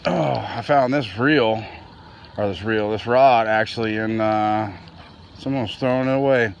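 Slow-talking man fishing outdoors at night. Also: on the low side, creaky, muffled recording, slight background noise. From Florida. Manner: relaxed, rambling, talks to his dog. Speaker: fishing vlogger. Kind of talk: casual night fishing narration.

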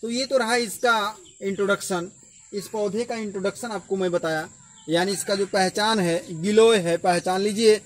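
A man's voice: sits high, steady tone, moderate pace. A man giving a patient educational explainer, repeating key terms as he teaches outdoors. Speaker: educational presenter.

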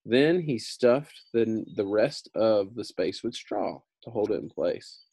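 A man in his thirties reads a children's book aloud at a slow pace, dropping in casual explanatory asides and repeating himself now and then. His lowish voice is animated and a little mellow, with a breathy edge and no room sound.

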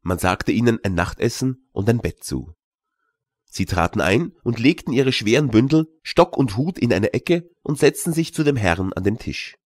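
A man narrating a classic audiobook tale in a measured storytelling manner, recorded in a studio. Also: medium pitch, expressive, no echo. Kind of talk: scripted narration.

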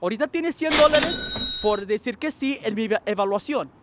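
High-voiced playful quiz show host man. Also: brisk, noisy background. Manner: animated, teasing, switches between Spanish and English. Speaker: game show host and English teacher.

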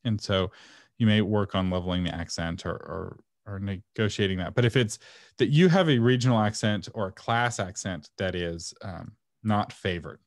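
A man's voice: fairly low pitch, normal speed, dry recording, clean studio sound. A man presenting a webinar and answering audience questions in a casual, frank way, often laughing and sometimes breaking into a passionate rant. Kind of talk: casual Q&A teaching.

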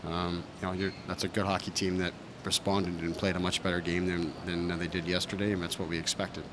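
At the podium in a press room with a sponsor backdrop, a hockey coach answers post-game questions in a low, flat male voice. He's measured and thoughtful, with frequent fillers and restarts. Several reporters hold handheld mics close in front of him, and the background is noisy.

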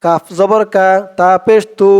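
A higher-pitched man leads a recitation lesson at a slow, careful pace. He breaks each word into syllables and then chants the verse with long held tones. His voice comes through smooth and resonant. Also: steady tone, darkish tone. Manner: spells syllables slowly, then chants verses in a drawn-out melodic voice. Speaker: Quran recitation teacher.

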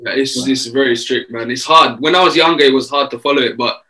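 Casual young male athlete, relaxed, filler-heavy answers on a video call. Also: mid-range voice, fast, poor audio. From England. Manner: relaxed, easygoing, many fillers. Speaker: footballer guest. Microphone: video call webcam.

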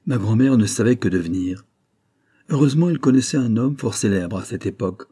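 A man narrating a classic novel as an audiobook in a steady, measured storytelling voice. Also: mid-range voice, slightly rough, dry recording, clean studio sound.

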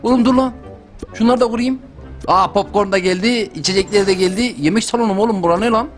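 A man's voice: high voice, quick pace, faint music behind. A young man doing joking lets-play commentary for a gaming channel, talking straight to his viewers. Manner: excitable, joking, talks to viewers. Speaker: gaming youtuber.

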